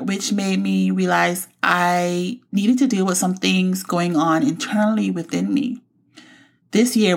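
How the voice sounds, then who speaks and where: A podcast host from the Bahamas, a woman in her forties, shares her personal story of faith on her own show. Her slightly low voice carries a gravelly edge, and she speaks reflectively and from the heart.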